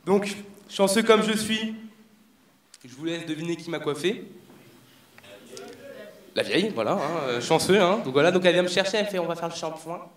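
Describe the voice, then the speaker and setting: A man's voice: sits high, lively intonation, normal speed, pauses often, echoey room. A young man doing a brash, slangy stand-up comedy routine on stage, talking straight to a live audience. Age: young adult. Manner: brash, slangy, crowd-addressing.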